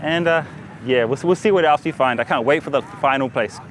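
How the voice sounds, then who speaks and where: Moving through crowded streets and a beachfront, a man with a slightly high voice gives brisk, casual vlog commentary as a visiting foreigner. Traffic and outdoor street sounds can be heard throughout.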